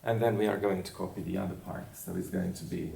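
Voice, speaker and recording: Deep gravelly man, unhurried teacher, echoey room, distant mic. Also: fairly even intonation, mellow, slight background noise. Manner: repeats "okay?" after each point, spells out endings slowly. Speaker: language teacher. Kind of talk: slow grammar lesson with board work.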